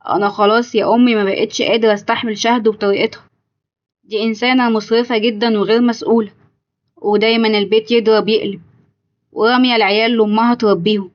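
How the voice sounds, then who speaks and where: A woman's voice: fairly high pitch, level tone, fast, muffled recording, close to an everyday voice. A woman reading a stressed grown son, Egyptian accent. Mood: complaining. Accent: Egyptian Arabic. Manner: complaining, agitated.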